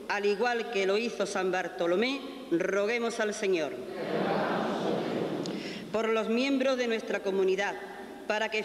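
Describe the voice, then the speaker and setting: Man, prayer reader, formal steady delivery, high-pitched, booming church echo, long reverb. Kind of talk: liturgical prayer reading. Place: large church, indoors. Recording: echoey church hall with hiss.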